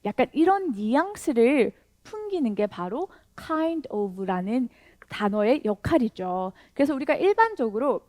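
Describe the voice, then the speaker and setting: A woman teaches English in a video lesson, lively and encouraging, putting questions to her viewers and laughing often. Her voice is fairly high, her pace a little slow, and there is no room sound.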